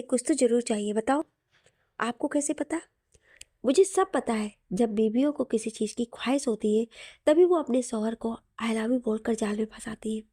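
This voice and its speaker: A woman's voice: a little high, darkish tone, dry recording, studio quality. Woman reading a romantic audio story. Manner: voices both lovers in dialogue. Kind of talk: scripted story narration.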